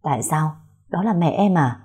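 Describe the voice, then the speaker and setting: A woman voicing a practical female hospital doctor who speaks in a brisk, matter-of-fact way. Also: sits low, expressive, mellow, husky, full character voice.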